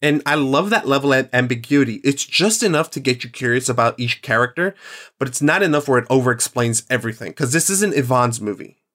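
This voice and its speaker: A man's voice: mid-range voice, animated, a little fast, a bit bright. A male podcast host chatting casually and enthusiastically, often rambling and correcting himself as he goes. His delivery is loose and conversational, with fillers throughout. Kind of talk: casual chat.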